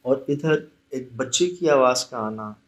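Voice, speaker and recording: A man's voice: mid-range voice, a little slow, noisy background. Dramatic storyteller man. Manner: animated, dramatic retelling with rising emphasis. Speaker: paranormal investigator recounting a visit. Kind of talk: casual storytelling chat.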